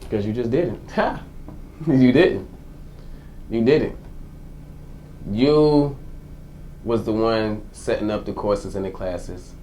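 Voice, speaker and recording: A man's voice: fairly low pitch, takes it slowly, pauses often, dark tone, a little hiss or hum. A man in his twenties answering interview questions casually, with slang and repeated phrases. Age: 20s. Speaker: guest, formerly incarcerated entrepreneur.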